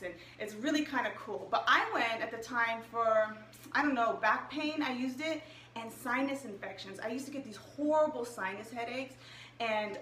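A woman's voice: fairly high pitch, sharp tone. A young woman, a health and wellness coach, chatting upbeat and casually to her viewers on a live stream. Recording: echoey room, mic at a distance, faint hiss.

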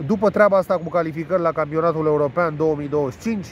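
Nasal, stuffed-up man, high-pitched. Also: fairly even intonation, highs cut off, slight background noise. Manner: rambling, crude, playful, with word games and swearing. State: congested with a cold. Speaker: sports betting tipster. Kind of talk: casual monologue presenting betting tips.

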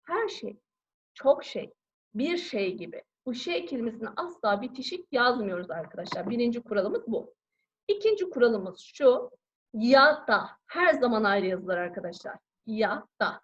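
A woman's voice: on the high side, very animated, normal speed, fairly bright tone. A woman teacher giving a grammar lesson to schoolchildren, explaining patiently, asking questions and answering them herself, and calling out to her pupils again and again. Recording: dull lo-fi recording.

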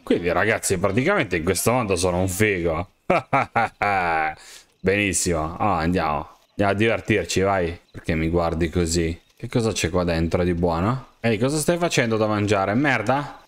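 A young man playing a game, joking and excitedly talking to the characters around him. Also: sits low, moderate pace. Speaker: gamer. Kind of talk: game commentary, role-playing as himself.

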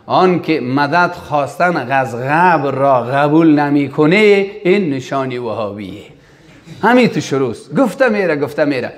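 A man giving an animated sermon-style religious lesson, rising to emphatic recited verses. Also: on the high side, big-room sound. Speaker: religious teacher.

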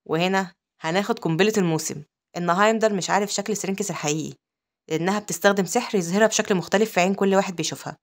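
A woman with an Egyptian accent narrating a comic-story recap, with quick asides. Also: medium pitch. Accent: Egyptian Arabic. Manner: rapid, breathless storytelling with asides.

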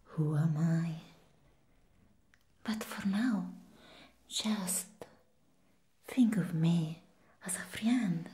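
A woman acts out a seductive she-devil in a whispered role-play. The demonic whisper is very slow, soft and dark, low-pitched and breathy. She coaxes and teases like a temptress luring a human. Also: exaggerated voice. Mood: teasing, flattering.

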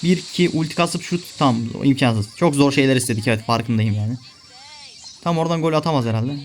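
A man's voice: mid-range voice, quick pace, a little hiss or hum. A young man giving live gameplay commentary, ranting and swearing at his teammates in frustration. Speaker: gaming video creator.

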